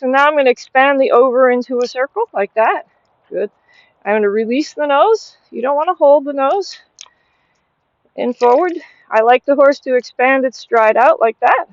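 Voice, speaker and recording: Moving from a horse barn aisle to an outdoor riding ring, a high-voiced woman explains horse training as she does it, interrupting herself with quick commands and praise for the animal. The audio is dull with no room sound.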